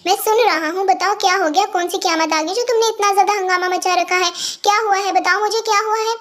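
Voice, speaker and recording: A woman's voice: very high voice, steady tone, fast, fairly bright tone. A woman voicing a dry, sarcastic middle-aged father in a fan audio story.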